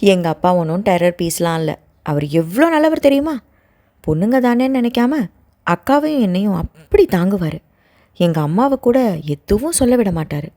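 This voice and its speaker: Anxious young woman in love, hesitant and pleading, for an audio novel, read by a woman narrator; lively, mellow tone. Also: mid-range voice, moderate pace, pauses often, lightly acted. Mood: indignant.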